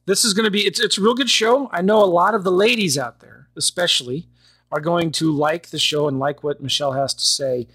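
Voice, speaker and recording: A man's voice: fairly high pitch, fairly quick, bright, forceful tone, slightly rough, no room sound, clean studio sound. A man hosting a podcast, chatty and upbeat, often laughing as he talks. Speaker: podcast host. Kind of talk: casual podcast interview.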